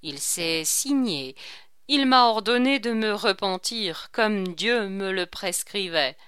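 A woman's voice: medium pitch, expressive, slow pace, fairly bright tone, clear, resonant tone, dry recording, studio quality. A woman reading aloud, voicing a frightened, pious male king who speaks anxiously and solemnly. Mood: fearful.

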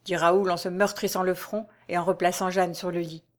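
A woman narrating a classic novel for an audiobook in a measured, expressive reading voice. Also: fairly low pitch.

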